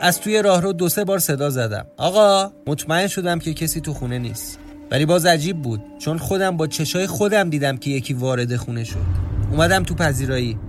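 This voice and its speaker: A man reading his own first-person mystery horror story in a measured, tense storytelling voice. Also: a little high. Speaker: narrator and writer. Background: faint music.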